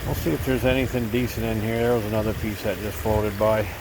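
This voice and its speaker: In a lowish, level voice that runs a little fast over background noise, a man with a head cold narrates his gold prospecting vlog by a cold stream. His manner is easygoing and rambling, as though thinking aloud.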